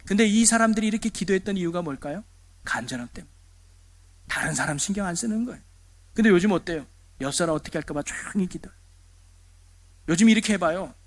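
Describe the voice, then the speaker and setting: Male pastor, middle-aged, high-pitched; animated sermon delivery full of rhetorical questions. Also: fast, long pauses.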